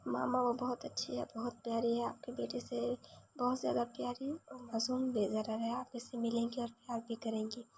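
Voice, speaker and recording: A hot-tempered yet devoted young son, voiced by a woman narrating a novel. The lines come in a flat, gravelly read with almost no rise and fall. The tone stays mellow and soft-edged. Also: a little high, normal speed, a little hiss or hum. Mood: pleading. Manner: flat, even read-aloud delivery.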